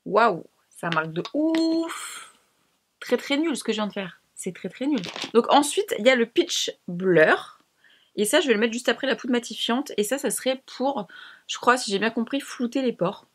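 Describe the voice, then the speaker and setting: A woman's voice: a little high, animated, normal speed. A young woman chatting casually to camera as she tests makeup, slangy and self-mocking. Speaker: beauty vlogger. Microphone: camera mic.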